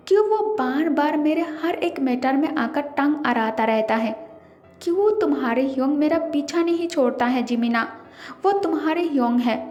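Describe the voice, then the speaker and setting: A woman's voice: high-pitched, darkish tone, pitched above the performer's own voice, natural voice. A woman doing a tearful upset young man. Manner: whiny, pleading. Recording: echoey reverberant room.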